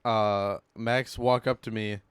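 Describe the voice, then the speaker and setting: A young man co-hosting a casual podcast, telling stories in an animated, teasing way. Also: lowish voice, slow, smooth, no room sound. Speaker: podcast co-host. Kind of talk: casual chat.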